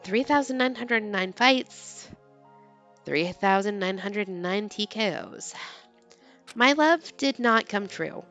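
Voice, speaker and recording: A woman reading game text aloud with expressive narration and casual commentary, as a let's player. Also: medium pitch, slow pace, highs cut off, faint music behind.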